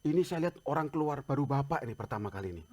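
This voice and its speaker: A man's voice: mid-range voice, lively intonation, very fast, darkish tone, lightly acted. A man voicing a poor pedicab driver who keeps begging for a passenger, in a humble, plaintive tone. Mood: pleading. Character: poor pleading middle-aged male pedicab driver.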